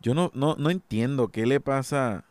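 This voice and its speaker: A man's voice: medium pitch, normal speed, darkish tone, no echo. A man hosting a solo podcast, giving an indignant, emphatic opinion monologue. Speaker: podcast host.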